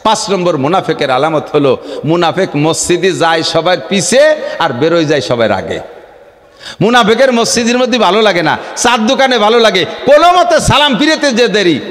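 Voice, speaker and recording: A man from the area preaching a humorous sermon, swinging between low confiding asides and loud shouted declamation. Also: lively intonation, moderate pace, long reverb tail.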